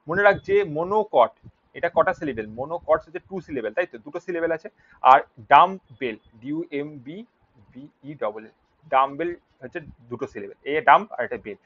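A man teaching biology for an exam, mixing in English terms and often asking rhetorical questions and checking "clear?". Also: a little high, fairly bright tone, no echo. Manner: mixes Bengali with English terms. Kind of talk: exam-prep lecture. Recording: dull lo-fi recording.

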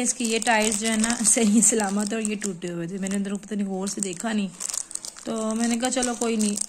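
Recording on a handheld phone camera in a room at home, a young Pakistani mother and vlogger shows off her purchases in a casual show-and-tell. Her mid-range voice is lively and coaxing as she talks to her children, with a little hiss or hum in the audio.

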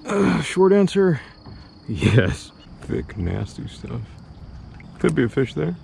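A man's voice: fairly high pitch, sing-song, slow, vocal fry, darkish tone. A young man giving casual running commentary while fishing from a kayak on a lake, chatty and self-deprecating, talking to himself and to the fish. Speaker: fishing vlogger. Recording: outdoor water noise behind voice. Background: water and outdoor ambience.

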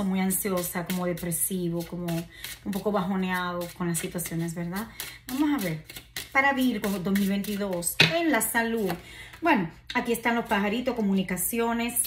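A woman's voice: mid-range voice, normal speed, slight background noise. Woman in her 40s doing a tarot reading, chatty, lots of fillers, phone cam at a table. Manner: chatty, reassuring, many fillers and "¿verdad?" asides. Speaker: tarot reader. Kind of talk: casual tarot reading to camera. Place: decorated indoor room at a table.

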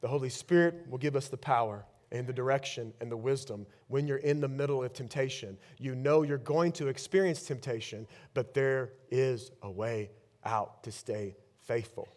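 At a moderate pace and medium pitch, a pastor in his thirties preaches on a large church stage. He uses a headset mic, swinging between loud bursts and hushed lines.

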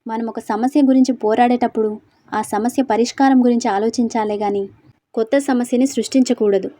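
A woman voicing a calm, principled young male college student in a storybook reading, steady and gently persuasive. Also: a little high, a little fast, no room sound, lightly acted.

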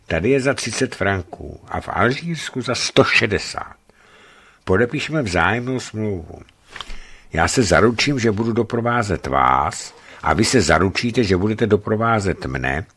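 A man's voice: lowish voice, fairly bright tone, slightly rough, full character voice. A man voicing a blunt, confident veteran ex-legion sergeant turned trader in a radio book reading.

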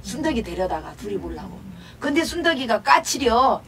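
A woman's voice: a little high, big pitch swings, a little fast, crowd noise. Chatty laughing woman teaching folk song. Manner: chatty, laughing, folksy storytelling. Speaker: pansori teacher. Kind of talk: sung folk verse then casual spoken explanation. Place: traditional music class room. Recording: singing class recorded from far off, music behind.

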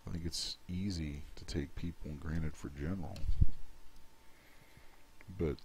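A man's voice: a bass voice, fairly even intonation, a little slow, background noise. A man giving casual, reflective commentary while drawing, rambling as he talks. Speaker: artist.

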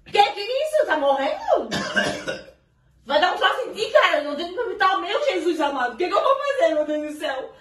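A woman's voice: extremely high pitch, sing-song, fast, fairly bright tone. A woman scolding a young man in an exasperated way. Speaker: family member. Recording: echoey room, from far off, noisy.

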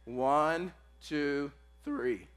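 A pastor preaching to a live church congregation. He is casual and energetic, and he uses slang and repeats his phrases. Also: on the high side, very slow, soft background music.

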